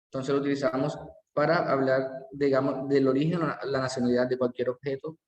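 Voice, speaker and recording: A man teaching a language lesson, slowly repeating each word form aloud as he explains it. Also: medium pitch, flat delivery, muffled recording. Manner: slow, careful, repeats word forms aloud. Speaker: French teacher. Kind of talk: bilingual classroom lesson. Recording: echoey hall.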